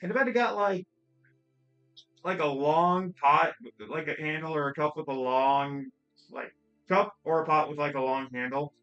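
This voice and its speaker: A man's voice: fairly high pitch, moderate pace, fairly bright tone, dull audio, faint music behind. A man playing a tabletop game, hesitant and thinking aloud about his moves. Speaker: player. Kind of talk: casual chat in a tabletop game.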